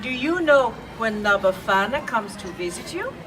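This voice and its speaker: A woman's voice: a little high, very animated, moderate pace, loud music behind the voice. A woman playing a kindly old Italian witch who brings gifts, speaking with a put-on Italian accent in a playful, coaxing way and asking children questions as she tells a story. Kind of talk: live in-character storytelling. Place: outdoors in a public urban space. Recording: distant outdoor recording with crowd.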